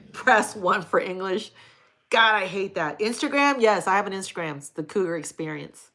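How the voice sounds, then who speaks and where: A woman's voice: medium pitch, expressive, normal speed, fairly bright tone. A woman from Hawaii hosting a live stream, reading viewer comments aloud and answering them in a blunt, crude, casual way. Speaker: livestream host answering chat.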